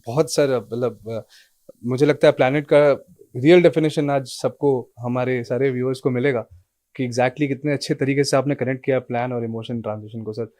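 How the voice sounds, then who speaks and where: Man, interview host, deferential, hesitant, mellow tone, dry close sound. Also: medium pitch, fairly even intonation, normal speed, no echo. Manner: deferential, hesitant, many "sir"s and fillers. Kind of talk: interview questions.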